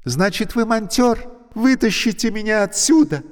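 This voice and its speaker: A man voicing a panicky woman trapped in a lift, shrill, loud and frantic. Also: expressive, moderate pace, big-room sound.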